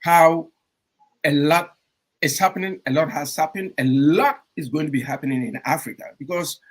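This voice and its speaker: A man with a slightly husky, higher voice hosts a casual talk radio show. He talks in an animated way and pauses often on fillers while welcoming listeners. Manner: animated, warm welcomes, frequent um fillers and laughs. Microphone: streamed studio mic.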